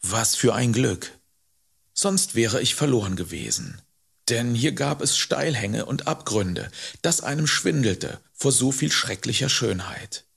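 A man narrating an audiobook in an expressive, measured storytelling manner. His voice is gravelly and husky, and it rises and falls with lively intonation at an unhurried, slow pace. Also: mid-range voice. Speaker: audiobook reader.

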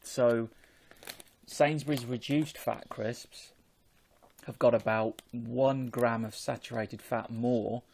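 A man, talking in a measured, explanatory way as a vlogger chatting casually on an earphone microphone at home. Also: mid-range voice, fairly even intonation, vocal fry, a little mellow. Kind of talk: casual chat to camera. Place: small home room with bookshelves.

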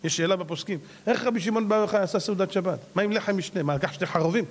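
A male rabbi giving a sermon to a live class, telling stories dramatically and firing off rhetorical questions. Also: sits high.

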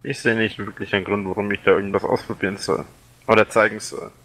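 Deadpan young man through a voice changer. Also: lowish voice, fast talker, rough recording. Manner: dry, defensive, deadpan. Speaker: guest in voice chat.

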